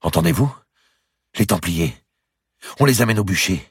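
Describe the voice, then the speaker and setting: Un homme qui prête sa voix à une jeune princesse joueuse, moqueuse et coquette, dans un livre audio. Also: male voice, on the low side, sing-song, moderate pace, slightly rough, dry recording, clean studio sound, pitched above the performer's own voice, full character voice. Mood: excitée. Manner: mocking, coquettish.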